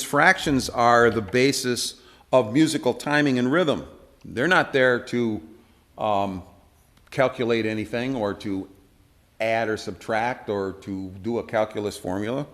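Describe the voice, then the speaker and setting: A man's voice: mid-range voice, measured pace, fairly bright tone. A man teaching an informal church Bible study, talking conversationally with many fillers and asking the room questions. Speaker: preacher teaching a Bible class.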